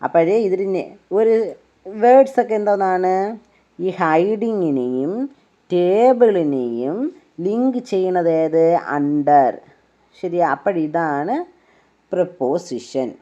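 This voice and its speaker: On a dull, lo-fi recording, a woman with a lowish, expressive, dark-toned voice gives an English grammar lesson in Malayalam. She goes step by step with slow patience and often asks rhetorical questions to make sure the listener follows.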